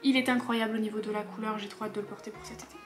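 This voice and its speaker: A woman's voice: medium pitch, level tone, rapid-fire, music in the background. A young woman doing a casual beauty haul at home, chatty and rambling, a bit riled up and poking fun at herself. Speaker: beauty vlogger. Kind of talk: casual haul chat to camera.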